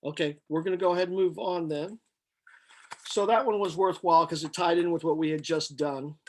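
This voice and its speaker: A man with a somewhat high-pitched voice teaches a class. He works through problems step by step, thinking aloud with halting pauses. His delivery is flat and matter-of-fact. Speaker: chemistry lecturer. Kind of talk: lecture, working problems step by step.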